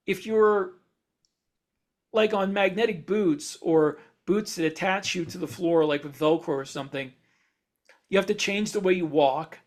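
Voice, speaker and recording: A man with a high-pitched voice talks a little slowly while co-hosting a podcast. As a science fiction author, he explains things in relaxed shop talk, drifting through sentences and correcting himself along the way.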